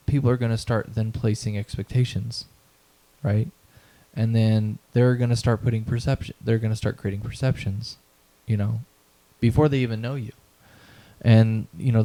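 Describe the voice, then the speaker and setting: In a warm, low voice, a thirtysomething event founder talks through an interview about what drives him and what he values. He's earnest and motivational, circles back on the same phrases, and often tags on "right?"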